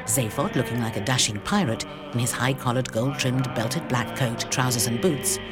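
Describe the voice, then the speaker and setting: Audio description guy, neutral factual read, mid pitch, music behind. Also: moderate pace.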